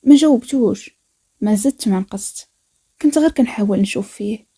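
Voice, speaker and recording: A woman with a Moroccan accent narrating a first-person story in a soft, intimate way. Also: mid-range voice, a little fast, slightly rough.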